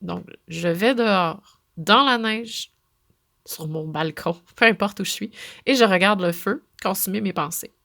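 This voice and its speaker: Gravelly-voiced Québécois woman podcaster. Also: mid-range voice, a little slow. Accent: Québécois French. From Quebec. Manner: chatty, full of fillers and restarts, expressive. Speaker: podcast host. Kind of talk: casual spoken monologue.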